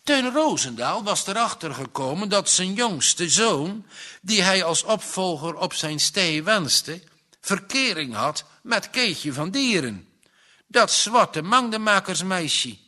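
A man reading a storybook aloud, slow and expressive. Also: high voice. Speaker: narrator.

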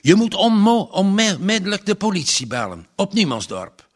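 A man's voice: sits high, big pitch swings, normal speed, voice pushed up. A man reading aloud and voicing a determined villager who urgently raises the alarm at night.

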